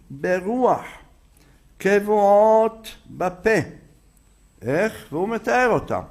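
A man teaching a religious lesson, sounding out letters and repeating words for emphasis. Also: high-pitched. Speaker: rabbi teaching a Torah lesson.

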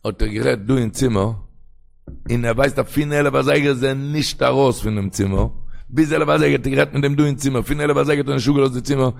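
A man's voice: medium pitch, creaky. A man giving a traditional religious lecture in an emphatic manner, often slipping into a sing-song chant. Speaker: religious teacher.

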